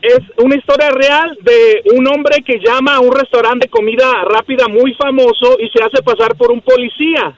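Guy calling in, really high voice, earnest, muffled line. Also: fairly even intonation, normal speed, hardly any pauses, no echo. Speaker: caller. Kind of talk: phone-in call. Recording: dull phone-in line.

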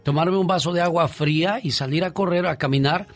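A man hosting a radio talk show in a slightly raised voice. He banters, jokes and cuts in quickly, with faint music underneath. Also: fairly high pitch. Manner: joking, quick to cut in. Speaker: radio host.

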